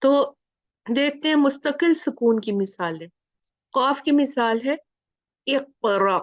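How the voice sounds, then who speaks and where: A woman's voice: sits high, expressive, takes it slowly, no echo. A woman teaching Quran recitation step by step, drilling each sound and asking questions she then answers herself. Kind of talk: slow step-by-step recitation lesson. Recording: dull lo-fi sound, dry close mic.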